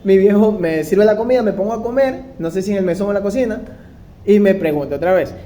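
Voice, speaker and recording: A young man telling a first-person anecdote in an animated way, acting out the voices of the people in it. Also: high voice, fast talker. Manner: animated, acts out quoted dialogue. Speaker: storyteller.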